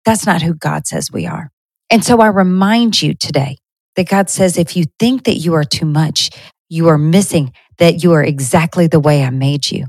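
A woman's voice: lowish voice, no echo, low-quality recording. A woman in her thirties hosting a podcast, giving an earnest, conversational faith talk to her listeners with frequent restarts. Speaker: podcast host.

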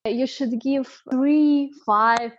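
A woman from Siberia with a Russian accent, chatting as an English student on a podcast in halting non-native English. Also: high voice, fairly even intonation, highs cut off, a little hiss or hum. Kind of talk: casual podcast conversation.

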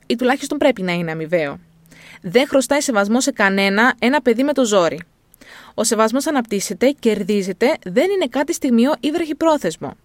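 A woman's voice: a little high, no room sound. A woman hosting a parenting talk, speaking directly to the listener in a reflective monologue. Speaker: parenting podcast host.

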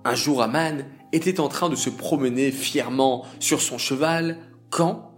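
A man narrating a story for children, expressive and addressing the listeners directly. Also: mid-range voice, measured pace, faint music behind.

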